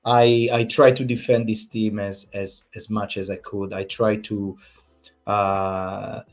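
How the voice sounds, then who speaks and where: A man's voice: lowish voice, level tone, slow pace, faint music behind. A man, hosting a fan channel, giving an exasperated, repetitive post-match rant full of swearing.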